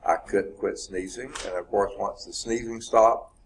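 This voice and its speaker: A math instructor with a fairly low, fairly even voice lectures at a measured pace in a classroom, sounding stuffed up from sneezing. He's conversational, repeats points, and keeps checking in with "okay"; the audio is poor with slight background noise.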